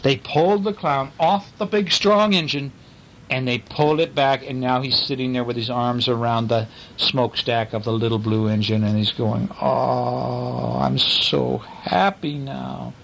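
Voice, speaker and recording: Dad reading a gentle bedtime story. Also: male voice, mid-range voice, fairly even intonation, moderate pace, a little hiss or hum, rough recording. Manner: gentle, asks the child questions between reading. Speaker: father reading to a child.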